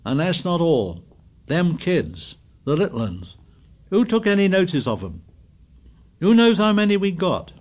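A man's voice: a little high, expressive, measured pace, pitched above the performer's own voice. A man voicing an indignant, fussy schoolboy who scolds breathlessly in dialect grammar.

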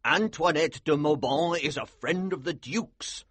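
A man's voice: a little high, unhurried, a bit bright, husky, dry recording, pitched above the performer's own voice. A man voicing a stern, protective older army colonel who speaks in a firm, commanding way. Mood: forbidding.

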